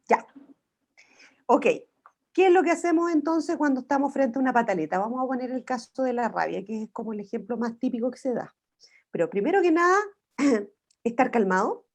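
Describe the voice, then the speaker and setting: Psychologist lady on a video call, kinda gravelly, slightly high voice, explains stuff with lots of "right?" tags. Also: a little mellow. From Chile. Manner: explanatory, with frequent rhetorical tag questions. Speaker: psychologist giving a parenting talk. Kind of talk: online educational talk.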